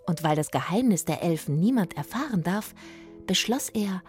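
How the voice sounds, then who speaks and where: A woman reading a children's story aloud, expressive and sometimes hushed. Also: on the low side, normal speed, breathy edge, faint music behind.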